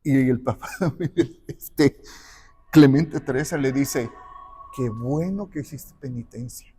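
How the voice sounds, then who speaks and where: A man telling a saint's life in conversation, acting out the quoted dialogue with lively shifts. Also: mid-range voice, slow pace, a little hiss or hum. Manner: animated, acts out quoted dialogue. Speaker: guest speaker on the parish patron saint. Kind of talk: conversational storytelling.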